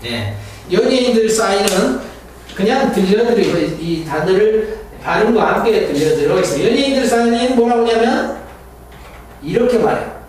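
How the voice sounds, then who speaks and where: A man teaching English phrases, repeating them slowly and deliberately. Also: high voice, expressive, a little mellow. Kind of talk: language lesson explanation. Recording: roomy, distant mic, faint hiss.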